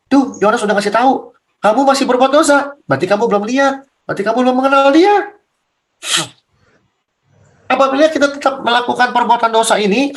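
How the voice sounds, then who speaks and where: A man as a pastor leading a Bible study, talking bluntly and casually, firing rhetorical questions at his listeners. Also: very high-pitched.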